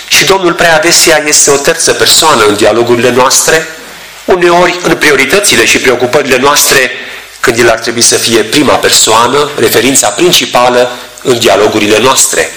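A man preaching a sermon, reading scripture and explaining it with measured, emphatic delivery and drawn-out words. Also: medium pitch, sharp tone. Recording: echoey room.

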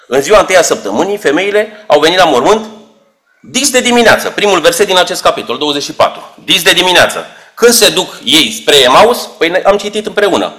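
A man's voice: on the high side, sharp tone. A man preaching a sermon, explaining scripture with rhetorical questions and shifting emphasis.

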